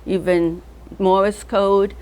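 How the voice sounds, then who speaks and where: A slow, slightly mellow medium-pitched voice with little pitch movement belongs to an older woman artist born in North Africa. Reminiscing in an informal interview, she lets her stories drift from one name and memory to another, often laughing through them.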